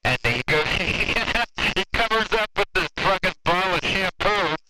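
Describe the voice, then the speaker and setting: A man's voice: sits high, expressive, measured pace. A man telling loose, profane stories in casual chat on a two-way radio, laughing easily. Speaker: radio operator. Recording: static-filled two-way radio.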